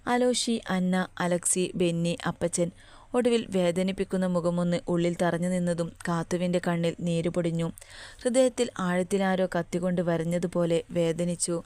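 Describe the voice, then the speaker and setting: A woman narrating a romance story in a measured, emotional reading. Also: lowish voice, darkish tone, clean tone, no echo.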